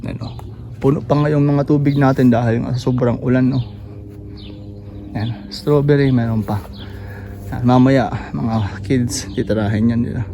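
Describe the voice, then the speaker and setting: Gravelly-voiced man touring his garden. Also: mid-range voice, moderate pace, long pauses, a little hiss or hum. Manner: relaxed, pointing things out with many fillers. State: slightly out of breath after jogging. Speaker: gardening vlogger. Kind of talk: casual walk-through garden tour. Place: outdoor backyard vegetable garden.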